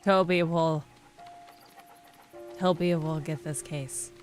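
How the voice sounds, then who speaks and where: A woman streaming a game, chatting casually, playful and excitable, cooing at the characters on screen. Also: deep voice, slow pace, soft background music.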